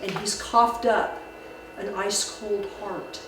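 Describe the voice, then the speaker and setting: A woman tells folk tales and explains old beliefs to a library audience, talking loosely and restarting her sentences often. Her voice is picked up from a distance in a very echoey room. Steady background noise sits under it. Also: mid-range voice, takes it slowly. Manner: conversational, with many restarts and fillers. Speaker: library speaker. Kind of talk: public talk on folklore.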